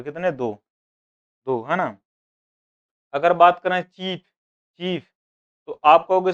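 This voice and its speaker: A man's voice: a little high, clean tone, highs cut off. A man teaching an online grammar lesson for exam students, asking questions and repeating the answers himself. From India.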